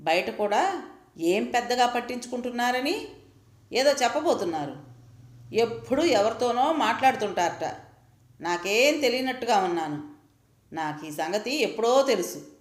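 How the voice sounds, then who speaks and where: A woman voicing a sharp-tongued young mother who scolds and accuses her mother-in-law in a storybook reading. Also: a little high, sing-song, normal speed, pauses often, roomy sound. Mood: accusing.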